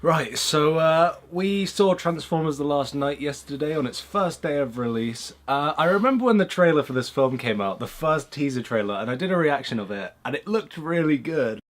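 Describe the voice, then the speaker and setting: A man's voice: a little high, lively intonation, normal speed, few pauses, slight background noise. A man hosting a casual movie review chat, blunt and rambling, with plenty of fillers and swearing.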